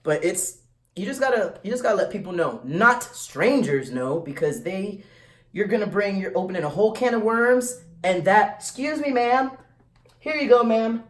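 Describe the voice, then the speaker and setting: A man talking casually to viewers in a vlog, animated and blunt, full of slang and quick restarts. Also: high-pitched. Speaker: vlogger. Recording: echoey room.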